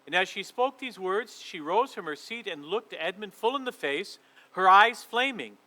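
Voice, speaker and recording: A man leading a children's church session and reading a storybook aloud in a lively, expressive way. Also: high-pitched, moderate pace, rough recording.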